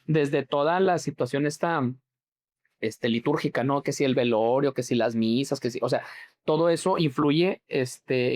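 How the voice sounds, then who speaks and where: A man's voice: fairly high pitch, a little mellow. A man with a Mexican accent, a grief therapist, explaining as an interview guest and often checking that he is understood. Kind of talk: interview answers.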